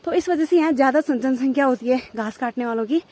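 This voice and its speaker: In a high-sitting, slightly mellow voice, a Kumaoni village vlogger talks fast as she makes her way along hill paths and village roads. Her walking narration is casual and chatty, addressed to viewers as friends.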